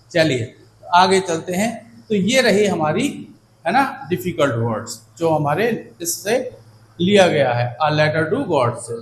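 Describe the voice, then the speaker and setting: A man teaching an English lesson in Hindi, warmly encouraging his students and checking in often with "theek hai na," slowing down to spell out English words and their meanings. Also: sits high. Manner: affectionate and encouraging, addresses students as children and "beta"; slows right down for English phrases and word meanings. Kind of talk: Hindi-medium exam-prep lesson. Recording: echoey room with faint background hum.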